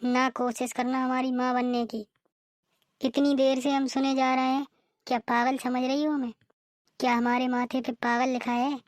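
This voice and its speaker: A woman's voice: high-pitched, little pitch movement, moderate pace, dry recording, clean studio sound, lightly acted. A woman voicing a sassy younger sister-in-law. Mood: defiant. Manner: sassy, retorting. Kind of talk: cartoon voice acting.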